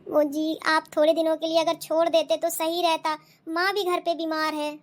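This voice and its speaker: A woman voicing a polite, dutiful young daughter-in-law in a cartoon, pleading and soft-spoken. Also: extremely high pitch, flat delivery, normal speed. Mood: worried. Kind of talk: cartoon voice acting.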